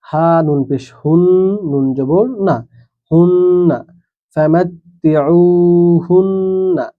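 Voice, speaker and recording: A man's voice: fairly high pitch, fairly even intonation, slow pace, phone-quality sound. A man teaching Quran reading who spells out each letter and vowel mark, then blends the syllables, with plain explanatory asides between the drills.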